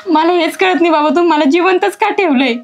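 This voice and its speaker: A woman's voice: very high-pitched, fairly quick. An actress playing a mistreated young stepdaughter, crying and pleading with her father, with faint music behind. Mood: tearful. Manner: tearful, pleading. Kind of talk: village drama acting.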